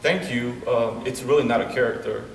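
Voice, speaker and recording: A Bosnian wrestler in his late twenties chats casually as an interview guest, laid-back and constantly dropping "you know what I'm saying." His mid-range voice is creaky, with fairly even intonation and normal speed. The recording has slight background noise and a roomy, distant echo.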